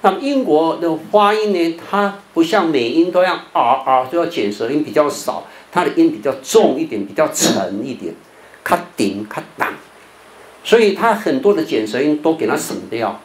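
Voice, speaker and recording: An older man, a Buddhist monk, giving a televised lecture on English pronunciation. He explains patiently, ends many phrases with a drawn-out "哦" and stretches out the sounds he demonstrates. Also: a little high, lively intonation. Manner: patient explaining, sentence-final "哦" particles, drawn-out demo sounds. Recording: roomy echo, faint background noise.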